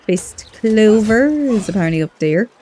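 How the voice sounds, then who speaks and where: Lady chatting through her let's play, giggly, mellow warm voice. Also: mid-range voice, animated, measured pace. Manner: chatty and giggly, reacting aloud. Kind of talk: casual gameplay commentary.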